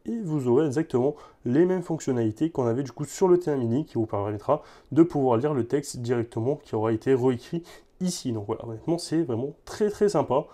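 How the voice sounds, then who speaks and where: A man with a soft, mellow voice talks through a gadget demo in a loose, easygoing way. He leans on filler words and often repeats himself as he goes. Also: on the high side. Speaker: tech reviewer. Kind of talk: casual product demo.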